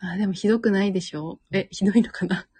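A woman's voice: medium pitch, steady tone, fast, mellow, slightly rough, no room sound. A woman in her twenties with a Miyazaki dialect, co-hosting a casual chat podcast, talking freely and laughing often. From Miyazaki, Japan. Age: 20s. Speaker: podcast co-host.

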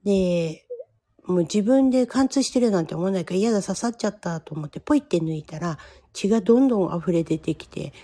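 Woman, 50s, solo podcast host; mellow, slightly breathy voice with a gentle, confiding delivery. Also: lowish voice, expressive, a little fast. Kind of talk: solo personal podcast talk.

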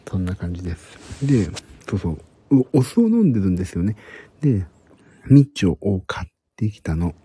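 Very dark, hushed, husky man's voice. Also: sits low, very animated, a little fast. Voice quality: hushed, husky half-whisper. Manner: rambling, hesitant, searching for words. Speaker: live stream host. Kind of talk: hushed, casual chat to live stream viewers. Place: at home in a room beside a sleeping child.

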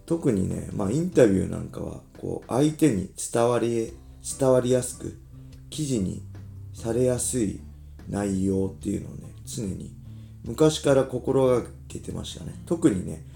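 A man in his forties from Ibaraki, Japan, hosting a casual solo podcast in a relaxed, chatty way with lots of filler asides. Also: lowish voice, a little slow, creaky, faint music behind. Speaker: podcast host, former pro fighter.

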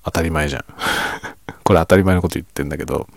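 Very deep, quiet-voiced man chatting. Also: fairly even intonation, quick pace, creaky, no room sound, clean studio sound. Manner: reflective, self-deprecating, soft-spoken. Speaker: streamer and hobby novelist. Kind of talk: quiet late-night casual monologue in a low voice.

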